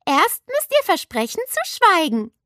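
A woman voicing a lively, slightly smug schoolgirl who tells her friends things eagerly. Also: very high-pitched, unhurried, dry recording, clean studio sound, voice pushed up, heavily acted. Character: lively know-it-all schoolgirl.

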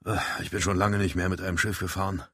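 A man's voice: sits low, level tone, fast, fairly bright tone, breathy edge, no echo, studio quality, heavily acted. A man playing a seasick, puzzled cook. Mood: queasy. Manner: weary, puzzled. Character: seasick young male cook, miserable, puzzled.

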